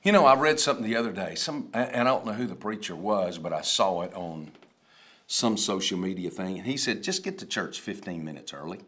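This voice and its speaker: With a low, lively, somewhat bright voice and a brisk pace, a pastor in his sixties chats informally about a sermon. He tells it as a meandering story, repeatedly restarting, from his seat at a table in a wood-paneled studio.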